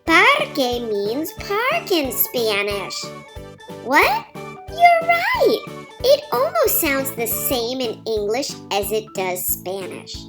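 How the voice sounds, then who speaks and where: A woman voicing a cheerful, eager young girl in a children's cartoon, narrating a language lesson in a slow, encouraging way and repeating words. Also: high-pitched, wildly swooping pitch, over music, exaggerated voice. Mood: encouraging, teacherly.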